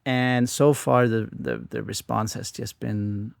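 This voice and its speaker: A man in his forties with a Danish accent, telling his life story as a guest in a halting, repeating way. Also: medium pitch, steady tone, vocal fry, dry recording, clean studio sound. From Denmark. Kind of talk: casual interview storytelling. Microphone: studio microphone.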